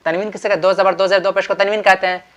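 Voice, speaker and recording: Bright-voiced man teaching Quran recitation. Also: high voice, level tone, lo-fi sound. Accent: Urdu. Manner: repetitive, patient explaining with drawn-out sample words and quiz questions. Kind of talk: tajweed lesson at a board.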